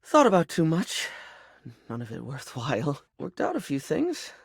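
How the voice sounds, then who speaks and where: A man voices a flamboyant yet insecure young male makeup character in a dating video game, theatrical, stammering and self-deprecating, his breathy, creaky voice sounding weary and dejected. It's a full character voice on the high side with huge pitch swings at a moderate pace, in a dry, clean studio recording.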